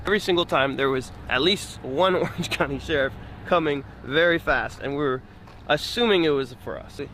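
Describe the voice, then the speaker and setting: A man vlogging, telling a story in a casual, animated way, laughing often and shouting out the lines he quotes. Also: normal speed, a little hiss or hum. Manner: animated, laughs often, jumps high when quoting friends.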